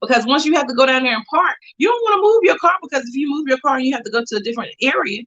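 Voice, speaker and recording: A woman hosting a casual live-stream chat about her week, chatty and animated, talking straight to her viewers. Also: high-pitched, racing, no room sound, dull audio. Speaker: host of a faith talk show.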